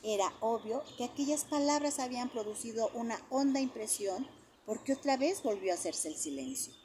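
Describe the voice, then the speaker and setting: A woman's voice: fairly high pitch, brisk, a little hiss or hum. A woman reading a novel aloud expressively and sometimes speaking directly to her listeners. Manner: animated, addresses listeners. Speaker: storyteller.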